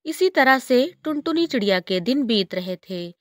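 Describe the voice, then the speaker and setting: A woman narrating a cartoon story in a steady, expressive storyteller manner. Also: a little high, normal speed, no echo, studio quality.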